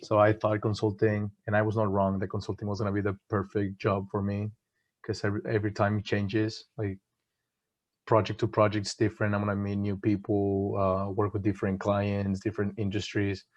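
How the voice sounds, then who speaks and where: A man's voice: on the low side, monotone, a little fast. A young man in his twenties from Mexico, answering eagerly and casually as a guest on a webinar panel over a video call. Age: 20s. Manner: eager, self-described hyperactive, casual talk. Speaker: guest consultant. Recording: dull lo-fi video call audio.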